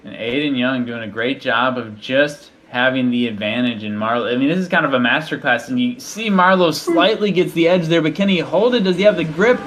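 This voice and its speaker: A man's voice: medium pitch, fairly quick, few pauses, a bit bright, rough recording. A man giving live motorsport commentary in an informal, chatty, conversational way.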